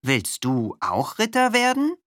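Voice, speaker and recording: A woman's voice: mid-range voice, huge pitch swings, a little slow, fairly bright tone, no room sound, studio quality, voice pushed up, exaggerated voice. A woman voicing a confident young boy in a storybook, the nephew of a knight, training as an archer, eager and outgoing.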